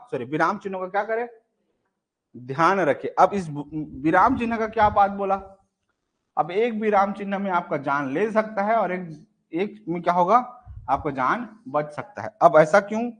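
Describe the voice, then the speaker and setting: A man's voice: high-pitched, fairly bright tone. A young adult man teaching an online exam-prep class. He keeps asking rhetorical questions to check understanding and acts out example phrases.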